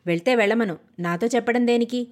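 A woman's voice: on the high side, brisk, darkish tone, natural voice. A woman narrator voicing a curt, stern father in an audiobook, speaking in a scolding tone.

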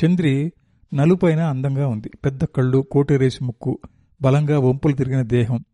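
Mellow male story narrator. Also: mid-range voice, dry recording. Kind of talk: reading a novel aloud.

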